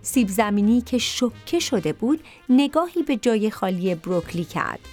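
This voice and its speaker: A woman narrating a children's story in an expressive, animated way. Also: medium pitch, soft background music.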